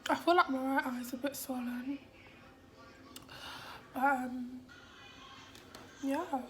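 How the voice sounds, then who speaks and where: A woman vlogging from a hospital room after surgery, her voice hoarse and weak, often dropping to a whisper. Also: high-pitched, steady tone, takes it slowly, soft background music. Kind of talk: casual vlog.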